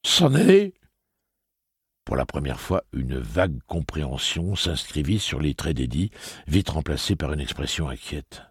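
A man reading a novel aloud as a narrator, in a measured, dramatic way. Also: very deep voice, breathy edge, dry recording, clean studio sound. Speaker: audiobook narrator. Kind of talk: scripted narration.

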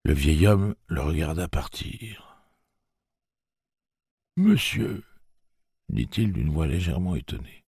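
A man narrating an audiobook in a measured storytelling manner. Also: rumbling low, mellow, breathy edge, dry recording, studio quality. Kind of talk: scripted narration.

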